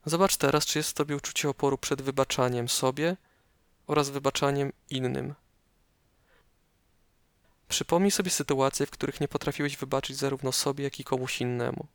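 A man narrating a guided meditation slowly and calmly, giving measured instructions with pauses, close up as if right in your ear. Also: medium pitch, clear, resonant tone, dry recording.

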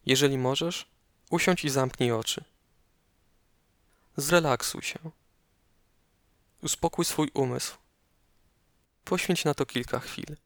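Close, gravelly man guiding meditation. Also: mid-range voice, dry recording. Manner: slow, calm, measured instructions with pauses. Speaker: guided meditation narrator. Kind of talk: guided meditation, scripted narration.

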